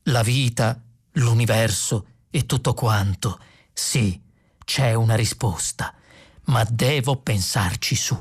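An audiobook reader voicing a solemn giant computer who speaks slowly, gravely and deliberately in a lowered voice.

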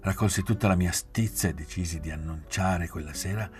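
A man reading a novel aloud in a measured, restrained way, often sinking to a near-whisper. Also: low voice, over music. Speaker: audiobook reader. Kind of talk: literary audiobook narration.

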